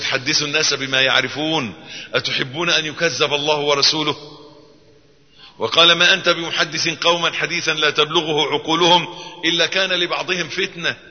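Male Egyptian preacher, sermon delivery that drops to hushed tones and surges into loud cries, muffled lo-fi recording. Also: medium pitch. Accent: Egyptian Arabic. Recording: long reverb hall, dull lo-fi sound.

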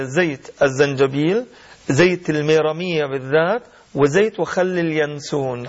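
A fast-talking man with a slightly raised voice explains health matters fluently to radio callers. The sound is dull and lo-fi, like an old radio broadcast. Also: fairly high pitch. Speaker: radio host, herbal health adviser. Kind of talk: call-in health advice.

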